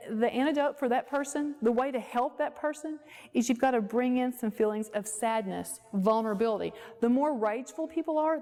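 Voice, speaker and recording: This woman's voice is a little high and mellow. She's a therapist presenting a workshop at a ranch, speaking conversationally in a lecture full of personal anecdotes from her practice, acting out quoted dialogue as she goes.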